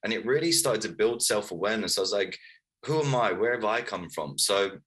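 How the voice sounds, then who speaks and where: A man's voice: fairly low pitch, lively intonation, brisk, a bit bright, low-quality recording. A man of thirty, telling his life story earnestly as an author guest in a casual interview. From Wales, raised in London. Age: 30s.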